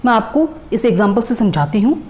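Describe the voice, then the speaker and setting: A woman's voice: on the high side, very animated, a little fast, a little mellow. A woman teaching a reasoning lesson, patiently explaining step by step and spelling out letters for her viewers.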